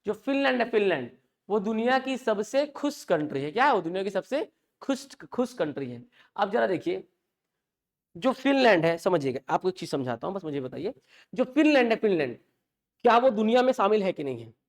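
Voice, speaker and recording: A man's voice: sits high, sing-song, moderate pace. Male tutor, teaching grammar by asking questions and repeating the answers. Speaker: English teacher. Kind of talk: classroom lecture.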